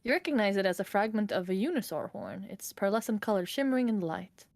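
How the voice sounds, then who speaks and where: A woman's voice: medium pitch, quick pace, no echo. A young woman streamer playing a story game with a friend, reading the game text aloud and laughing a lot. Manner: giggly, animated.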